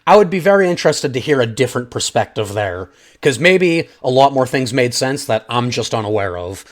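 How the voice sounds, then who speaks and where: Brisk and animated, a mid-range male voice delivers a casual, unscripted film review for his channel. He's opinionated and conversational, using slang and speaking directly to viewers as "guys."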